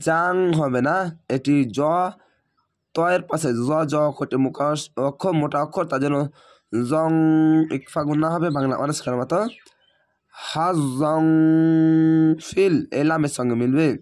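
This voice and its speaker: Hoarse man spelling out recitation. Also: on the high side, brisk. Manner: spells out letters and vowel marks syllable by syllable, patient. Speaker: Quran reading teacher.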